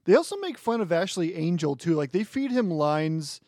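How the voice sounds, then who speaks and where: A man co-hosting a casual podcast, tossing in wry deadpan quips. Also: high-pitched, moderate pace, dry recording, clean studio sound. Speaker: co-host. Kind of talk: casual chat.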